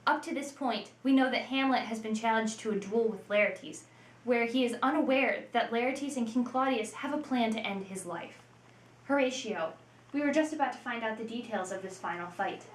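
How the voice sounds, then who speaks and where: A woman's voice: fairly high pitch, normal speed, close to an everyday voice. A woman playing a composed talk show host, asking formal interview questions. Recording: echoey room.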